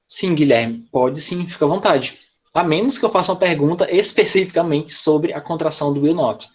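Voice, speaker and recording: This male English teacher, who has a Brazilian Portuguese accent, talks a little fast with a voice on the high side. Over a video call for an online class, he patiently breaks grammar down step by step, sprinkling in "tá?" and "né?" frequently.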